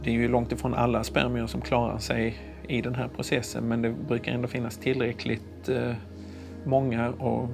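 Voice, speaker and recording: An actor in his thirties playing a calm doctor in a clinic office, explaining gently with frequent hesitations. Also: mid-range voice, creaky, over music, close to an everyday voice. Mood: reassuring. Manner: measured, hesitant with many fillers. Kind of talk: scripted drama, calm explaining. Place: small clinic office indoors.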